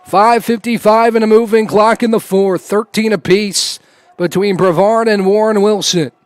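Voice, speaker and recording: Man, high voice, live sports play-by-play, lacrosse commentary, dry close sound. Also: steady tone, moderate pace, clear, resonant tone, no echo. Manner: raises voice to a shout on goals.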